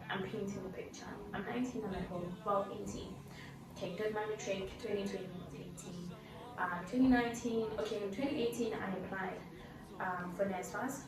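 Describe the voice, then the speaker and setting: A twenty-year-old South African woman tells her story in a casual, rambling vlog full of fillers and restarts, speaking a little fast in a steady, mid-range voice. She's recorded on a laptop or phone camera mic from a distance in an echoey room, with music playing.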